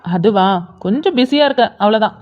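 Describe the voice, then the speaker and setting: A woman's voice: fairly high pitch, animated, brisk, voice pushed down, close to an everyday voice. A woman voicing a playful young male college senior who teases. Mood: teasing. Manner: playful, teasing. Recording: dull lo-fi sound.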